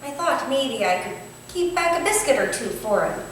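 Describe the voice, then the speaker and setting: In a staged play reading in an indoor theatre space, a woman plays a kindly young Victorian housemaid who chats in a homely, deferential way. Her voice sits high with big pitch swings at normal speed. The distant mic picks up a very echoey hall and faint noise.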